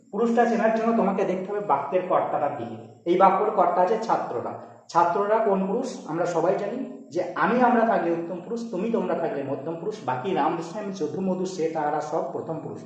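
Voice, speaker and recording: Fast-talking male teacher, echoey room. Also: sits high, lively intonation, dull audio. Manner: quick, repeats rules and checks with "ঠিক আছে?". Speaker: Sanskrit teacher. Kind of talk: explaining grammar to students.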